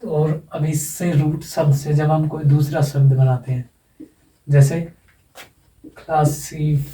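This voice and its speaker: A man teaching English phonetics in a slow classroom lecture, repeating words and checking that students follow. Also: fairly high pitch, fairly even intonation, dark tone. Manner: explains slowly with repetition and asides. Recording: echoey room, from far off.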